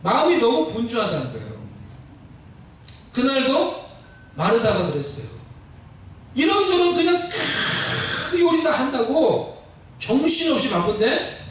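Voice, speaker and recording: A male pastor preaching a sermon, animated and conversational, often asking the congregation questions. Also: very high-pitched, measured pace, long pauses, heavy reverb, recorded from a distance, slight background noise, low-quality recording. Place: church sanctuary.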